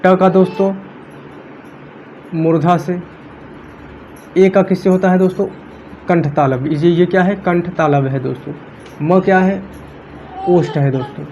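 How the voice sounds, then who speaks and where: A man with a slightly high voice explains grammar questions for an exam, going over every option twice in a steady, repetitive way. The recording sounds dull and lo-fi, with a faint hiss underneath. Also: a little slow, pauses often. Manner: repetitive, addresses viewers as friends, walks through options step by step. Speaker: exam-prep teacher. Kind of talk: casual classroom explanation.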